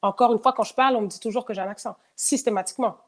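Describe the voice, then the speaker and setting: A woman in her thirties speaks very fast in a slightly high voice, with a Quebec French accent tinged with a France-French tone. She's a guest in a casual interview, talking candidly with lots of fillers, repetitions and restarts, and she laughs frequently.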